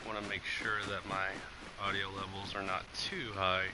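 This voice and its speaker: A tired man recovering from illness, talking through laid-back gameplay commentary in a deliberately monotone, subdued way. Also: low voice, background noise. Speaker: gaming streamer.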